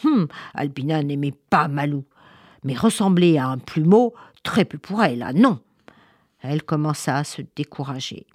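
Expressive woman reading a children's tale. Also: low-pitched, moderate pace, no room sound, clean studio sound. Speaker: storyteller.

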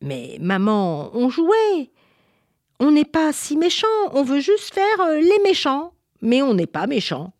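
A woman's voice: high voice, huge pitch swings, slow, darkish tone, no echo, clean studio sound, voice pushed up, exaggerated voice. A woman voicing mischievous children protesting to their mother in a storybook tale. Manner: pleading, protesting. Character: playful excited children caught misbehaving.

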